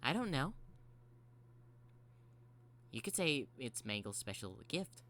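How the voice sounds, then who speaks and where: A man's voice: mid-range voice, very animated, slow, bright, forceful tone, dry recording, full character voice. A man voicing a hyper, cheerful female robot spirit girl who talks about herself in the third person.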